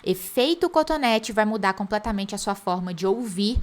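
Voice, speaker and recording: Brazilian woman teacher, lively online class host, mid pitch, talks to camera and crew. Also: moderate pace. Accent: Brazilian Portuguese. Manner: lively, chatty, teasing asides to the crew.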